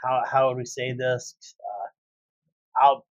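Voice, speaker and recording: A man in a relaxed podcast chat who searches for words and fills the gaps with ums and you-knows. His voice sits in an ordinary middle register. The recording is dry and a little dull, with no room sound. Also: mid-range voice, takes it slowly, no room sound. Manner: rambling, with many fillers. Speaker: podcast co-host. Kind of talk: casual chat.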